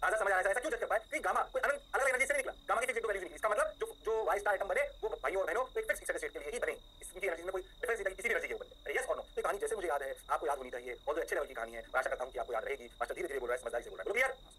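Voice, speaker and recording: A man teaching a physics lecture, animated, answering his own questions on behalf of the class. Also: sits high, racing, hardly any pauses, a little hiss or hum, poor audio.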